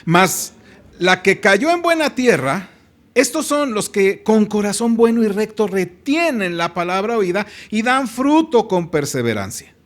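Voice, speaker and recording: A pastor with a Mexican Spanish accent preaches a sermon in church. His high-pitched voice swings widely and moves a little slowly, and he stretches out key phrases and calls on the congregation to read along.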